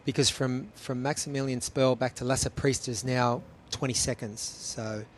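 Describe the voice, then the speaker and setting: A man's voice: mid-range voice, fairly even intonation, normal speed, a little hiss or hum. A man giving live race commentary, analytical and chatty, with frequent ums between points.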